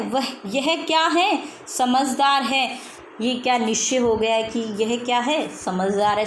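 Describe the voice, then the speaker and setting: A woman teaching a grammar lesson. She repeats each example sentence slowly, then asks and answers her own questions. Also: fairly high pitch, roomy sound, slight background noise.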